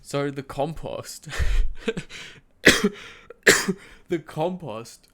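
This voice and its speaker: A young man with a fairly high-pitched, expressive voice, sharp in tone and drawing out his words, is sick with a cold that leaves him congested and nasal. Streaming from home, he stands and moves around while casually rambling through a story to his live chat. He's loose and chatty, with lots of fillers and restarts, and he laughs mid-sentence.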